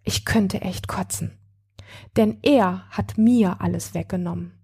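A woman's voice: mid-range voice, a little slow, vocal fry, warm tone, slightly rough, full character voice. A woman reading a bitter, wounded woman. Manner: brooding, then bitter and cursing. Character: hurt, angry woman betrayed by her ex-partner. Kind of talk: read-aloud story.

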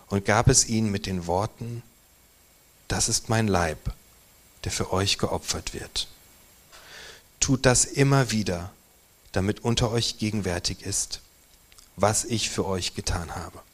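A man preaching a sermon in a church, moving between strong emphatic stresses and quiet, near-whispered lines. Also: lowish voice. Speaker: pastor.

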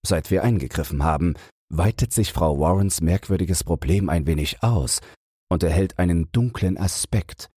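Male reader as keen analytical detective, low husky voice, dry close mic. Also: warm tone, no room sound. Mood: reasoning. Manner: measured, reasoning aloud. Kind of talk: audiobook read for sleep.

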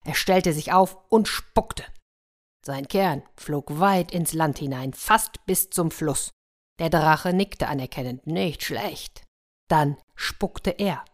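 A woman reading a fairy tale aloud for children in a gentle, expressive storytelling manner. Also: sits low, slow pace.

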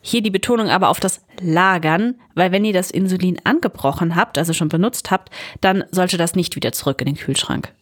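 Eine Co-Moderatorin stellt in einem Gesundheitsformat neugierige Fragen. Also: female voice, fairly low pitch, fairly quick, few pauses. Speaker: co-presenter. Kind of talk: scripted health explainer.

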